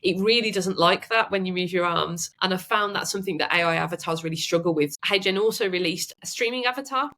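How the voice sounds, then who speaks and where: Lively, chatty woman with a lowish voice. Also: fast talker, hardly any pauses. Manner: lively and chatty, laughs often. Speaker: podcast guest, AI expert. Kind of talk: casual interview chat.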